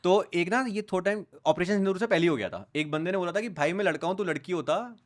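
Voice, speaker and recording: A young man, a guest on a podcast, telling animated stories in a casual chat and mixing English phrases into his talk. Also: sits high, fast talker. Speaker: news content creator, guest.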